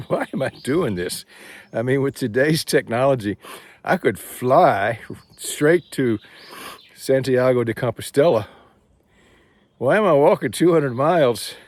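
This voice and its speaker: A man with a Texan accent, a vlogger from Texas, talks casually to his phone while walking outdoors on a trail, rambling and thinking aloud. His mid-range voice is expressive and unhurried, with long pauses. The recording has no echo.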